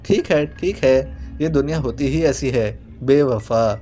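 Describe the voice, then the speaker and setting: A man's voice: medium pitch, dark tone, lightly acted. A man voicing a playful young male spy who talks in a mock-pitiful, whining way. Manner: whiny, mock-pitiful clowning.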